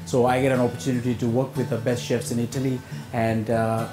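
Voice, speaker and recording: A man's voice: mid-range voice, level tone, brisk. A man in his forties with a South Indian accent, talking informally as a chef in an interview. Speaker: executive chef, interview guest. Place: open-air hotel pavilion demonstration table. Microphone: lapel mic. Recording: roomy echo, music underneath.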